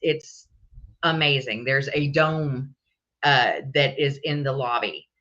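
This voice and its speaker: Excited guy guest, bright sharp voice, kinda muffled lo-fi audio. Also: medium pitch. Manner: enthusiastic, halting, many fillers. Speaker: guest investigator. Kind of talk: casual chat. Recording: dull lo-fi sound.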